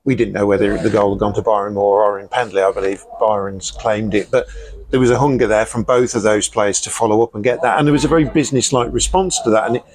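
A man's voice: fairly low pitch, steady tone, quick pace, a little mellow, a little hiss or hum, low-quality recording. An English man interviewing a football manager after a match, asking long, rambling questions with fillers. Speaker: club reporter and interviewer.

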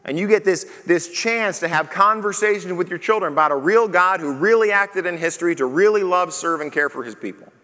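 A man preaching as pastor at a parenting conference, talking lively and acting out the questions he asks his children. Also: high-pitched, fairly quick, hardly any pauses, long reverb tail. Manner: animated, acts out questions to his kids.

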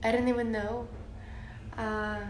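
Lying on her bed with her phone held close, a young woman from Russia chats casually on a livestream indoors in her bedroom, softly and slowly reading viewers' comments aloud with a Russian accent, giggling and saying "like" and "uh" a lot. Her voice is on the high side with little pitch movement, and the audio is reverberant with a little hiss or hum.

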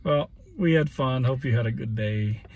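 Gravelly-voiced man, teasing. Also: mid-range voice, normal speed, darkish tone. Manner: teasing, dry, chiming in. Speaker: homestead vlogger, co-host. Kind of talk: casual chat. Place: parked car, indoors. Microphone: phone on the dashboard. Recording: phone in a car with faint car noise.

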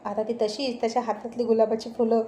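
Mellow-voiced woman telling a story. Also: a little high, little pitch movement, fast talker, a little hiss or hum. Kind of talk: storybook narration.

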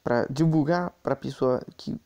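A man with a mid-range, dark-toned voice speaks unhurriedly while playing a mobile game. As host of a mobile game channel, he gives chatty, casual commentary to his viewers, with plenty of asides.

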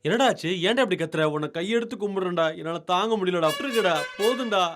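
An actor playing an exasperated young man in a comedy film, scolding in quick outbursts. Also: high-pitched, music in the background, natural voice. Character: exasperated young son-in-law. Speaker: film hero, the son-in-law.

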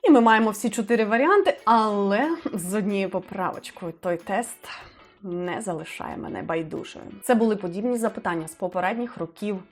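A woman's voice: mid-range voice, lively intonation, a little fast, faint music behind. Woman tutor walking through test answers. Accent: Ukrainian. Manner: explanatory, thinking aloud, frequent fillers. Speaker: Ukrainian language tutor. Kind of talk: test walkthrough lesson.

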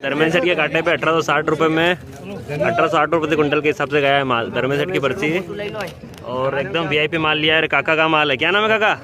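A young man with a fairly high, fairly level voice rattles off a farm market price report at a quick pace, repeating himself and using plenty of fillers. He's recording on a phone outdoors in an open produce market yard, with a crowd, market noise, and passing vehicles audible behind him.

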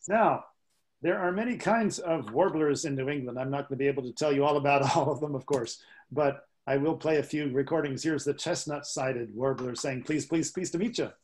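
A man presenting a seminar on songbirds, speaking in a halting, informal lecture style with frequent fillers and imitating bird songs aloud. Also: mid-range voice, a little hiss or hum, poor audio.

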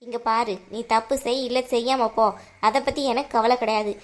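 A woman's voice: a little high, fairly even intonation, normal speed, natural voice. Woman voicing a bossy scolding mother-in-law. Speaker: voice actor. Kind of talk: animated cartoon drama.

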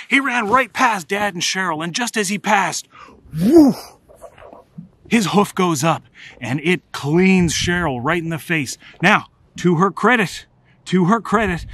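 Animated middle-aged storyteller. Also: male voice, high voice, no room sound. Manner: animated, comic, builds to excited outbursts. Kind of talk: casual spoken storytelling.

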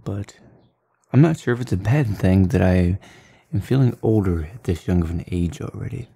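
This art vlogger in his late twenties has a low, gravelly, dark voice with lively intonation and a moderate pace. He meanders through a drawing voice-over with many fillers and restarts, filmed in a small apartment kitchen on a handheld camera at arm's length, and the sound is reverberant.

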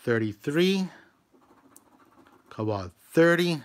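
Slow-talking man scratching tickets live. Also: fairly high pitch, animated. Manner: slow, chatty, greets viewers by name and urges on each ticket. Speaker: live-stream host scratching lottery tickets. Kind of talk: casual live-stream commentary.

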